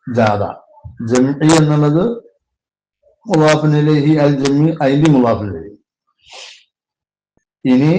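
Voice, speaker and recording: Slow, deliberate Malayali male religious teacher. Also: a little high, darkish tone. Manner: slow, deliberate parsing with Arabic terms. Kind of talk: explaining classical Arabic poetry grammar. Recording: echoey room with faint noise.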